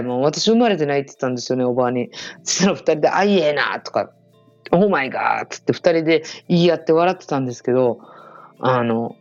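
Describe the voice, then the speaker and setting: A woman hosts her podcast and tells a story in a casual, talkative way. Her voice sits low and is recorded close and dry. The sound is a little dull, with faint music behind her. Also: dry recording. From Okinawa. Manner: chatty, animated when quoting others. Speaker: podcast host.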